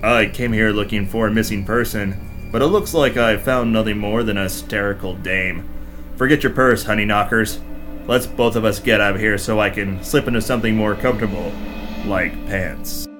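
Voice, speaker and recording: A performer voicing a cocky, hardboiled space detective with gruff 1940s tough-guy wisecracks. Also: mid-range voice, moderate pace, lightly acted. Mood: wisecracking. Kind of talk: parody radio-play acting. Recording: music bed under voice.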